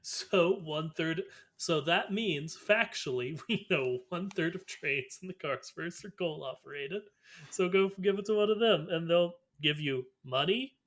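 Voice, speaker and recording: Playful man in podcast banter, slightly high voice. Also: moderate pace, fairly bright tone. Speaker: podcast co-host. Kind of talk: casual chat.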